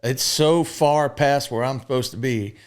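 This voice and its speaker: A man's voice: mid-range voice, a little slow. A man in his thirties from Mississippi, a podcast guest telling his life story frankly and openly, with fillers and the odd curse. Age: 30s. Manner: frank and open, peppered with fillers and profanity. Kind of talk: candid conversational storytelling.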